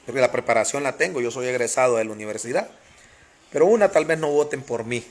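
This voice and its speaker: A man's voice: mid-range voice, fast. Fiery Honduran man ranting on stream. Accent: Honduran Spanish. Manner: passionate, emphatic, repeats phrases for force. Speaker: live-stream host. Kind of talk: heated live-stream rant, greeting viewers.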